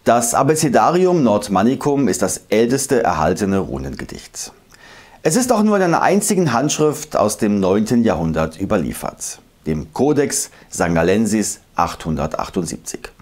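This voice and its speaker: A man narrating a scripted history lesson, explaining emphatically and slowing down to recite old verses. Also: on the low side, sing-song, a little mellow. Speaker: history video host.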